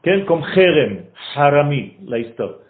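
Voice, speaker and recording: Animated male teacher, slightly high voice, quizzing his class; echoey room, tinny lo-fi sound. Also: measured pace. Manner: animated, asks the group questions, teasing. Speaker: Torah teacher. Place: classroom in Israel.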